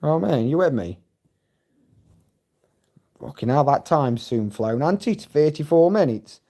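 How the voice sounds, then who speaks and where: A man's voice: fairly high pitch, lively intonation, moderate pace, warm tone. A middle-aged man, chatting casually on a live stream, rambling and swearing freely as he tells stories. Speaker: livestream host.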